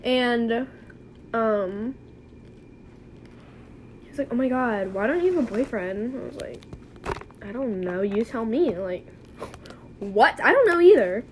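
A woman's voice: a little high, unhurried, long pauses, a little hiss or hum. Giggly young woman retelling texts. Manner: reads out text messages, giggly and animated. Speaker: podcast co-host. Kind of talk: casual chat.

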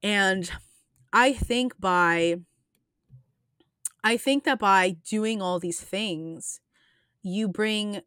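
A woman's voice: medium pitch, very slow, pauses often, fairly bright tone, clear, resonant tone, dry recording, clean studio sound. Earnest rambling woman podcast host. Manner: earnest, rambling with many restarts and fillers. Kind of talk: casual podcast chat.

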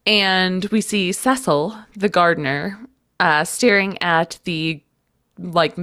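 A congested woman co-hosting a podcast, chatting casually and steering the conversation in a relaxed, agreeable way. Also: fairly low pitch, takes it slowly. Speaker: podcast co-host. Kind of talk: casual chat.

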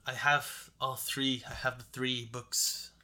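A young man with a bright, forward voice rambles through a casual podcast chat. He talks like a frat bro, slangy and loose, at a middle pitch. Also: flat delivery, takes it slowly, slight background noise. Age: young adult. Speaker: podcast co-host. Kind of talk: casual chat about movies.

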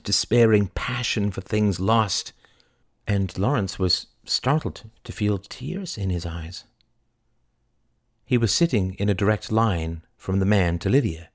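A man narrating a historical novel in a measured, lyrical storytelling manner. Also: on the low side, lively intonation, no room sound, studio quality. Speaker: audiobook narrator. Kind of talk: scripted narration.

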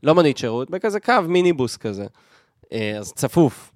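A man's voice: medium pitch, no echo, clean studio sound. A man co-hosting a podcast in casual chat, telling stories with animation and acting out the people in them. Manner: animated storyteller who acts out the people in his stories. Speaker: podcast co-host.

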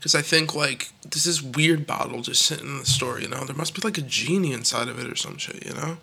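Raspy, gravelly-voiced man rambling absurdly. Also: medium pitch, brisk, sharp tone. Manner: absurd, self-deprecating, drops into whispers. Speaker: comedic podcast host. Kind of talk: rambling deadpan comedic monologue.

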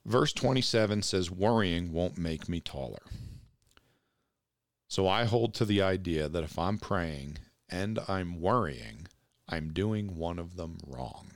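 A man's voice: low-pitched, animated, takes it slowly, no room sound, studio quality. A pastor preaching a sermon, reading scripture aloud and explaining it plainly and earnestly to his congregation.

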